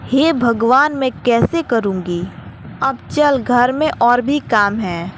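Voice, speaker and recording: A woman's voice: a little high, animated, slow pace. A woman voicing a lazy, grumbling middle-aged mother-in-law. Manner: grumbling, complaining. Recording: noisy with traffic outside.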